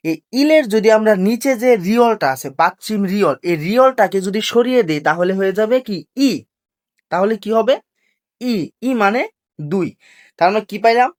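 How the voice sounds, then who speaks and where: A woman leads a language lesson in a steady, middle-pitched voice. She drills the class by putting each point as a question and answering it herself. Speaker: Korean language teacher.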